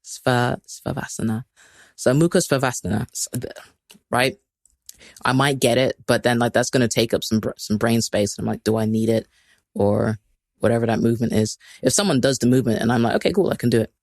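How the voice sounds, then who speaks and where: A Kenyan podcast host does a casual solo live stream, rambling chattily in loose runs packed with "like" and laughing at themself. Their middling-pitched voice is a little fast and sounds dry and close with no room echo, turning motivational between self-mocking asides.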